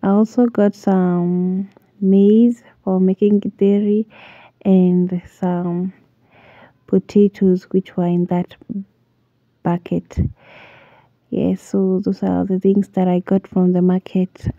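A young woman with a Kenyan accent casually vlogs about her day from her home kitchen, mixing Swahili phrases into her narration. Her voice is medium-pitched, flat, and slow, and the recording has its highs cut off.

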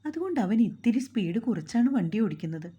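A woman reads a romance story aloud in a steady, even manner. Her voice is mellow and dark in tone. It also has a husky, breathy texture. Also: mid-range voice, fast.

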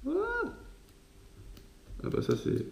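A man's voice: slow, mellow, slight background noise. A man casually talking through an unboxing for his own vlog, chatty and laughing at himself. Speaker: vlogger. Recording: roomy echo.

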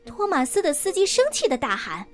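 Animated woman telling kids' stories. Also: high voice, a little fast, faint music behind. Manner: animated, sing-song, playful. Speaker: children's storyteller. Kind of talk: storybook narration for children.

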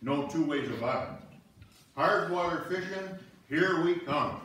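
In an amateur reader's theater performed from a script on a church stage before a seated audience, a man voices Murph, an eager, easygoing, beer-loving ice fisherman, with hearty energy. His voice is fairly high, bright and expressive, a little slow, captured by a distant camera in an echoey hall with slight background noise.

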